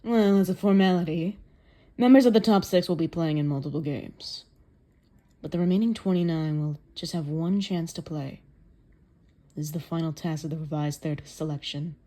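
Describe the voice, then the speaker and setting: A woman's voice: low-pitched, moderate pace, warm tone. Woman doing a cold commanding male coach. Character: stern scheming male football coach. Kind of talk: dramatic manga reading.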